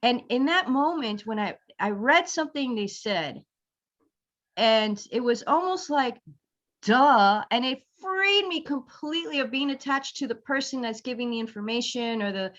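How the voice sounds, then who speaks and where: A woman's voice: a little high, normal speed. A woman talking as a guest in a casual conversation, rambling, laughing and acting out quotes with energy. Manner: rambling, laughing, animated quoting. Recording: slightly dull lo-fi audio.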